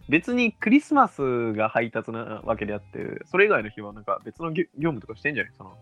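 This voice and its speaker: A man's voice: medium pitch, very animated, quick pace, a bit bright, dry recording, faint music behind. A young man in casual podcast chat, playful and joking, laughing often and drawling slang greetings. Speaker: podcast co-host.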